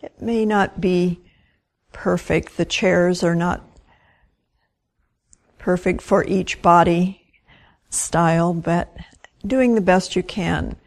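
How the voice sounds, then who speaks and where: Guiding listeners through meditation, this teacher keeps her slightly low voice steady in tone. She offers short phrases at a very slow, gentle pace and lets long pauses stretch out between them.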